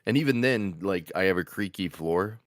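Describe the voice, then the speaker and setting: A man's voice: low-pitched, animated, normal speed, no echo, clean studio sound. A man from Oklahoma, a voice actor, chatting casually from a padded home booth with a rambling, laugh-prone manner. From Oklahoma, USA. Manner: rambling, laughs often, many restarts. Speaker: voice actor and show host. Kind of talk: casual chat.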